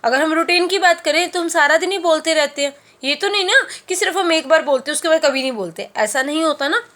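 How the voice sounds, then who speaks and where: A woman teaching a class, who explains by asking and answering her own questions and slows down on key terms. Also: high voice, animated, a bit bright. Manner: mixes in English terms, slows down on key phrases. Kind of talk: classroom lecture.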